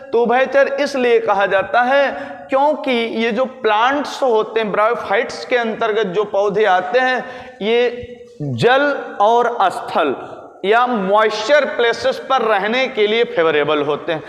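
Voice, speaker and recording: High-voiced male teacher, echoey room. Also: a bit bright. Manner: explains slowly, asks and answers his own questions. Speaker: biology teacher. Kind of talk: classroom-style lecture. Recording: echoey room with long reverb.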